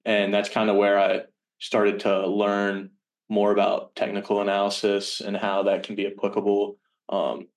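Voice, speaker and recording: Sounding a good way from the microphone, a man in his early twenties gives casual interview answers as a podcast guest. His voice is on the low side and very monotone. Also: normal speed. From Virginia, United States. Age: early 20s. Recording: distant from the microphone.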